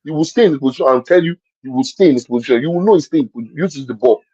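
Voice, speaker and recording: A man breaks down a football match in casual conversation, pressing each point again and again. His voice is mellow and a little husky, dry, and sits on a muffled lo-fi stream. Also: fairly high pitch, fast, no echo. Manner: emphatic, repeats points, explains with examples. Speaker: football pundit. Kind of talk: casual match-review chat.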